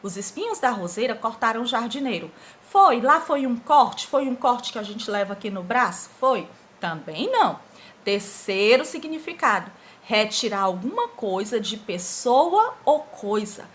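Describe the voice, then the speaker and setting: A woman's voice: fairly high pitch, moderate pace. A woman teacher giving an online lesson to schoolchildren, asking the pupils rhetorical questions as she explains. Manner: animated, talks directly to pupils with rhetorical questions.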